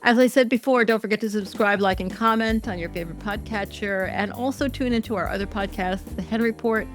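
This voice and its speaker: Chatty and wry, a podcast host runs through the news on her own, with plenty of ums and self-corrections in this casual solo commentary. She is losing her voice, which sounds somewhat worn, mid-range, and fairly quick. Music plays under her.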